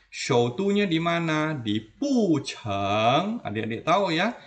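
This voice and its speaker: A man teaching beginners Mandarin, drawing out each model word slowly and checking in with "ya" and "nah". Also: medium pitch, a bit bright. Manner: slow, drawn-out model pronunciation with frequent "ya" and "nah". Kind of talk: beginner language lesson.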